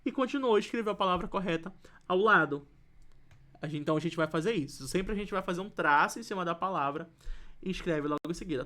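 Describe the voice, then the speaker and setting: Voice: mid-range voice, a bit bright. A teacher with a Brazilian accent, giving an online lesson and explaining while writing. Patient, repeats each example and keeps checking that students follow. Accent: Brazilian Portuguese.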